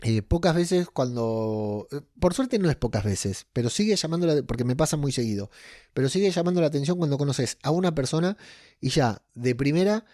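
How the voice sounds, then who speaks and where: A man's voice: on the high side, animated, brisk, warm tone, no echo, studio quality. A man with an Argentine accent, rambling casually as a podcast host with many fillers and restarts. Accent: Argentine Spanish. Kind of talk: casual personal monologue.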